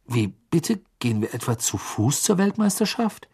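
Ein Mann, der in einem Hörbuch einen höflichen, neugierigen Jungen im Teenageralter spricht. Er fragt ernst und höflich nach. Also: male voice, fairly high pitch, very animated, moderate pace, vocal fry, darkish tone, breathy edge, voice pushed up, exaggerated voice. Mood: curious. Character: young teenage boy, polite and curious.

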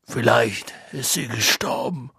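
A man voicing a huge, gruff, lonely half-giant gamekeeper with a deep husky voice and slow, halting speech. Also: bright, forceful tone, dry recording, full character voice. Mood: wistful. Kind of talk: audiobook character voice.

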